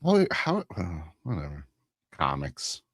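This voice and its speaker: Very deep-voiced man with dry, wry asides. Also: huge pitch swings, takes it slowly, fairly bright tone, no room sound. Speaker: podcast co-host. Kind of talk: casual chat about tabletop games.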